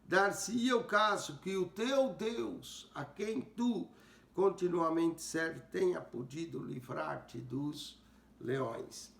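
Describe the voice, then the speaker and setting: A man's voice: fairly high pitch, vocal fry, a bit bright, exaggerated voice. A pastor reading a sorrowful ancient king. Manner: slow, solemn, archaic speech. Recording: roomy echo.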